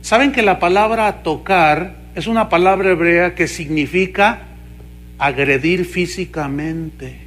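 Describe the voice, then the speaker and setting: A man with a Mexican Spanish accent, a pastor preaching a sermon in an animated, mocking way, firing questions at the congregation. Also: high-pitched, measured pace, slight background noise.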